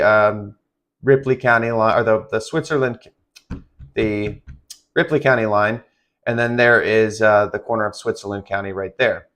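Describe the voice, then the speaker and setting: A man doing live severe weather commentary, halting and improvised, giving urgent and direct warnings to listeners. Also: fairly low pitch, a bit bright. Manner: halting, improvised phrasing with repeated restarts. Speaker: live-stream weather broadcaster.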